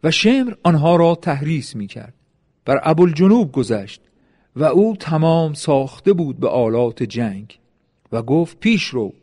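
A man reading a historical account as measured, solemn scripted narration. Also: a little high, sing-song, warm tone.

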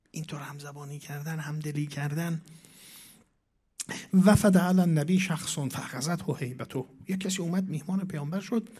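A man giving a sermon, reciting scripture in a measured way and swinging between loud declaiming and hushed asides. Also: fairly high pitch. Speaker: preacher.

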